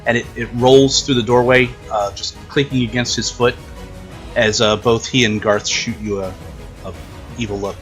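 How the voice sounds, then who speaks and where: Male game master, mid-pitched, halting descriptive tabletop narration, music underneath. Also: steady tone.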